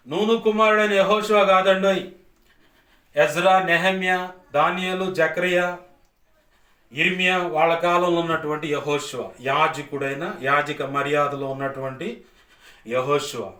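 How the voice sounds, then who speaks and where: A man's voice: sits high, bright, forceful tone. A man, preaching a sermon as pastor in an emphatic, repetitive cadence. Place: church hall. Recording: echoey church hall, distant mic.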